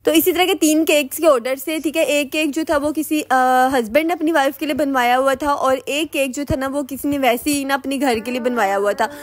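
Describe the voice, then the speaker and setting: A woman's voice: high voice, fairly even intonation, fairly quick, hardly any pauses, no echo. A young Pakistani woman with an Urdu accent, a home baker giving a chatty, instructive cooking tutorial voice-over. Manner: chatty, instructive, repeats "ठीक है".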